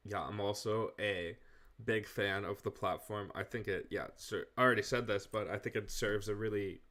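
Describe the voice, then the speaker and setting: A man's voice: lowish voice, fairly even intonation, normal speed, bright, forceful tone. A man hosting a casual interview over a video call, friendly and encouraging, with fillers as he asks questions. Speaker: interview host.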